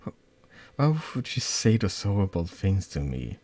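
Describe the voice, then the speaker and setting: A man's voice: low-pitched, big pitch swings, normal speed, voice pushed up. A man voicing a frightened, hurt teenage schoolgirl who stammers and pleads. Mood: distressed. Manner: pleading, stammering, rising to shouts.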